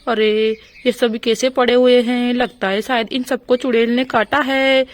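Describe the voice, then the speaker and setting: A woman voicing a village husband and father in a doll storybook, speaking in a lowered voice with a fussing, boastful manner. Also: level tone, a little slow, lightly acted.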